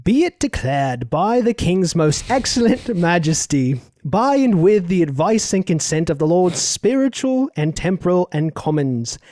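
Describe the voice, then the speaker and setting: Man doing a pompous British herald, attempted British accent, raised pitch, slow stately delivery, dry sound. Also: very animated, a little mellow, no room sound. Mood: grandly formal.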